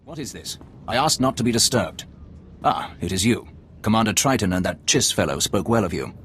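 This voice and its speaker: An actor playing an officious military captain in a video game. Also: male voice, fairly low pitch, expressive, brisk, a bit bright, a little hiss or hum. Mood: irritated.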